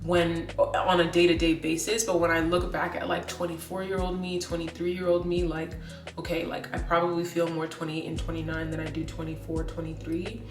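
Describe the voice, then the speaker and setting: A woman's voice: on the low side, monotone, normal speed, distant mic. A woman in her late twenties chatting casually in a vlog, rambling with lots of "like" fillers and restarts. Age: 20s. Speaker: vlogger. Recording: echoey room, voice set back from the mic, faint music.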